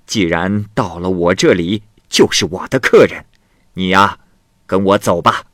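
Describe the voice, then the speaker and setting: A man's voice: low-pitched, a little slow, a bit bright, no room sound, studio quality. A man voicing a genial, worldly woman in her fifties who chuckles and pries as she talks. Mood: chatty. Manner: cheerful, chuckling, prying.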